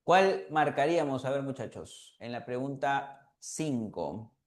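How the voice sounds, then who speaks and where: A man teaching an online language review class, often checking in with students and filling pauses with "eh". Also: mid-range voice, lively intonation, roomy sound. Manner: asks students questions, fills with "eh" and "¿ya?".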